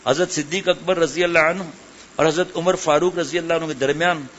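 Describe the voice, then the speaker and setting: A man delivers a religious sermon to a gathered audience, his voice sitting on the higher side for a man. He keeps turning to his listeners with direct questions and drops English words into his speech. The recording sounds dull and lo-fi. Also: steady tone, a bit bright, slight background noise. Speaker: preacher.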